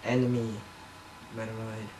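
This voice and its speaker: A man's voice: lowish voice, monotone, moderate pace. A man giving a comic dramatic reading of fan fiction in his bedroom, rambling and self-conscious, often stumbling over words, on a camera mic. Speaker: amateur reader. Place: bedroom at home. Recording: echoey room with background noise.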